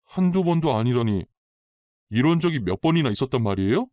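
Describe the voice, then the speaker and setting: A man's voice: mid-range voice, very animated, brisk, warm tone, dry recording, natural voice. A man voicing a level-headed grown son who speaks earnestly and reasons things out.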